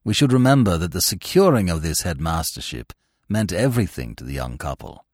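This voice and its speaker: Male reader voices a composed, deep-voiced valet, formal and measured. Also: very animated, no room sound, studio quality. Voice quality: formal, measured, low and soft. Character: deferential, unflappable male valet, middle-aged.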